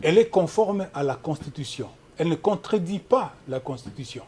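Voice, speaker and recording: A man, a human rights lawyer answering interview questions in a measured, lecturing way and citing legal articles. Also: a little high, animated, a little mellow, a little hiss or hum. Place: TV studio.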